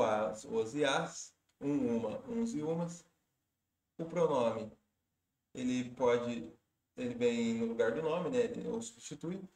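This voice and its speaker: A man's voice: mid-range voice, vocal fry, a little mellow, echoey room. A man with a Brazilian Portuguese accent teaching exam preparation, explaining each question step by step with tips. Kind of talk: walking through exam questions.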